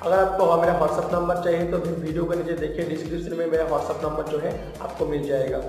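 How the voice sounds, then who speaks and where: A man's voice: a little high, level tone, fast talker, a little mellow, reverberant, in a large hall, faint music behind. A man hosting a tech channel, walking viewers step by step through a computer driver install. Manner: step-by-step explaining. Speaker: tech tutorial host. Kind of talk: screen-recorded tutorial.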